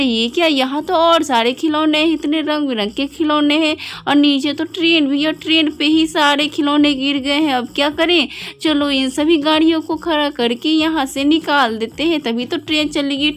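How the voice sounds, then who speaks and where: A woman's voice: high-pitched, fairly even intonation, normal speed, few pauses. A woman narrating a toy play video for children in a playful way, sweet-talking the toys and exclaiming in wonder. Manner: exclaims in wonder, keeps asking "what's this?".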